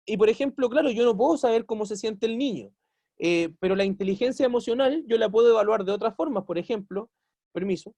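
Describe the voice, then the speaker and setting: A man's voice: sits high, fast talker, vocal fry, mellow, no echo. A man giving a university lecture as a teacher, explaining at length, asking rhetorical questions and acting out quotes.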